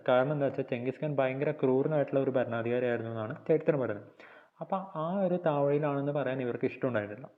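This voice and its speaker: Male Malayali teacher, mid pitch, patient recap-and-quiz delivery; narrow phone-quality audio. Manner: repeats points and quizzes the viewer; reads English lines slowly and deliberately. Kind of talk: textbook lesson explanation.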